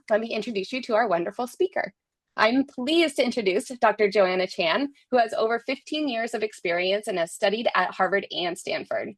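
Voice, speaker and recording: A woman's voice: medium pitch, no echo. A woman hosting a webinar, upbeat and welcoming, reading scripted introductions. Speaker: webinar host.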